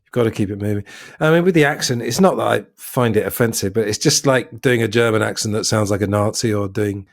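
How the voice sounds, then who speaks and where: A man hosting a podcast, chatting about a comedy film in an opinionated, relaxed way. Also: lowish voice, quick pace, vocal fry, hardly any pauses, no echo. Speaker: podcast host. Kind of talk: casual film review chat.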